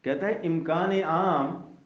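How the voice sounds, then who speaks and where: A man teaching a seminary logic class, asking questions and letting students finish his sentences. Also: a little high. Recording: echoey dull lo-fi classroom audio.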